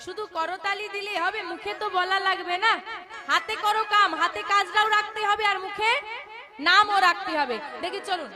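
A woman kirtan singer leading a devotional call-and-response, playfully teasing and coaxing her audience to chant louder. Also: very high-pitched, moderate pace. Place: live devotional gathering. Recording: live stage with music and crowd.

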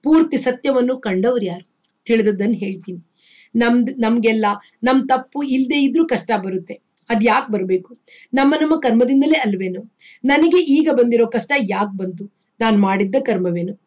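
A gentle young wandering ascetic, voiced by a woman reading aloud. He speaks in a calm, measured way, offering soothing counsel in a fairly high voice. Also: close to an everyday voice.

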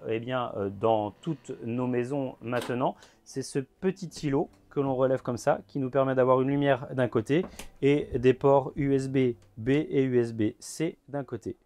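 A man in his thirties gives a guided tour inside a motorhome at a trade fair, talking in a measured way with frequent filler words. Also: medium pitch, steady tone, darkish tone. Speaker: motorhome show presenter. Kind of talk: guided vehicle walkthrough.

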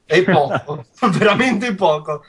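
A young man with a husky voice, refereeing and narrating a tabletop game as game master over a video call. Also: high-pitched, expressive, slow pace, a crowd in the background. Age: young adult. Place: at home on a group video call.

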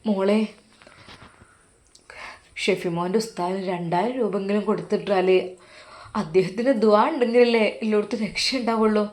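A woman voicing a gentle elderly mother who speaks softly and pleadingly, close to tears. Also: mid-range voice, fairly even intonation, normal speed, pauses often, natural voice. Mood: tearful. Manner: soft and pleading.

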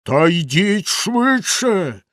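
A man voicing a cruel, menacing nobleman husband in a storybook reading, with slow, stern, threatening delivery. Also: a little high, wildly swooping pitch, dry recording, clean studio sound, voice pushed up, exaggerated voice. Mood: shouting.

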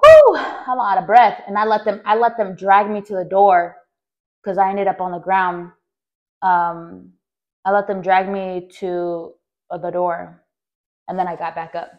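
A woman's voice: on the low side, measured pace, dull audio. Young woman rambling through a story. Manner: rambling, animated, many fillers, talks straight to listeners. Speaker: podcast host. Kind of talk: casual personal storytelling.

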